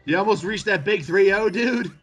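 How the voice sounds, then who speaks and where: A man's voice: high-pitched, expressive, normal speed, music in the background. A man in a casual let's play commentary, joking and sarcastic. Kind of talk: casual game commentary chat.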